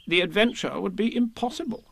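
A self-important rabbit from a children's storybook, acted out by a man. The pitch sits high and swings about with officious energy. The delivery is brisk and condescending, as if every point were an official order. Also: sing-song, fairly bright tone, heavily acted. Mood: condescending, firm.

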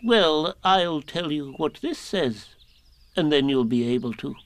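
Man doing a pompous old owl, high and drawn-out. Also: lively intonation. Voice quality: fussy, self-important. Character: pompous old male owl, show-off know-it-all. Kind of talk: storybook read-aloud.

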